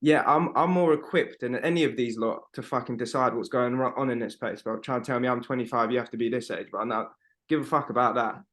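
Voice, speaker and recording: Speaking fairly quickly in a slightly bright, mid-pitched voice, a twentysomething man co-hosts a podcast by video call from his home. The talk is casual; he rambles, hammers his points, curses a lot, and keeps dropping "bro."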